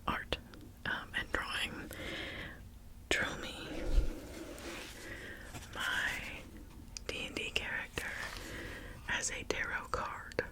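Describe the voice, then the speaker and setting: An ASMR creator chatting in a soft, breathy whisper, with gentle pauses between phrases.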